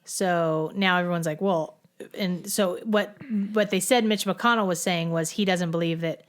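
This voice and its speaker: A middle-aged woman with a fairly low voice, chatting casually on a podcast. She rambles and restarts her sentences as she goes. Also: normal speed. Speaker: podcast co-host. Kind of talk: casual chat.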